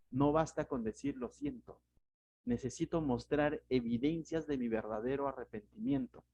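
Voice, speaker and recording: A man's voice: medium pitch, mellow, highs cut off. A man with a Peruvian Spanish accent, a pastor giving verse-by-verse Bible teaching in a conversational way, often asking rhetorical questions.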